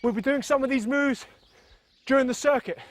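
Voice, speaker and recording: Guy with a really high voice coaching a trampoline workout, bouncy and a bit out of breath. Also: moderate pace. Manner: energetic, bouncy, demonstrating moves while talking. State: slightly out of breath while exercising. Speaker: fitness instructor. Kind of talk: fitness video instruction.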